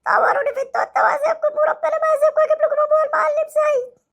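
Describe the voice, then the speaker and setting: A woman voicing a cheeky schoolboy in a comedy sketch, ranting in a shrill wail and repeating threats. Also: fairly even intonation, racing, vocal fry. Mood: furious. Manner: shrill wailing rants, repeated oaths. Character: cheeky schoolboy, whiny, then furious and threatening.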